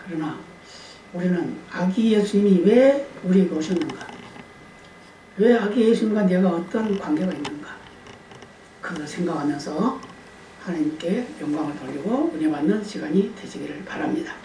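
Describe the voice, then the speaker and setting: A woman's voice: on the low side, expressive, normal speed, dark tone. A woman pastor preaching a Sunday sermon who quizzes the congregation and calls for amens. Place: church sanctuary. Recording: echoey church hall, distant mic, faint hiss.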